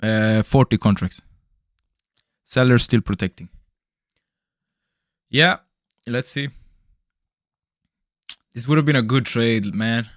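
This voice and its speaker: A young livestreaming futures trader, raised elsewhere in Europe by Serbian parents, gives casual, chatty commentary on his trades, swearing, laughing and calling his viewers bro. He speaks at medium pitch, slowly, with frequent pauses. The sound is clean studio audio with no echo.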